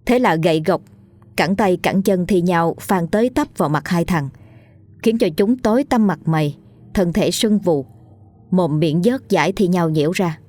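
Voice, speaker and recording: A woman's voice: lowish voice, normal speed, darkish tone, no room sound. Woman reading a folk story. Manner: vivid, colloquial storytelling. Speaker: narrator. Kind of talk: scripted horror story reading.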